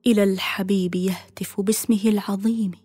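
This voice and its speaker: A woman's voice: mid-range voice, steady tone, brisk, mellow, breathy edge, no echo. A solemn woman narrating a dramatic audiobook story, her voice often sinking to a near-whisper. It is recorded close and dry, with no room sound.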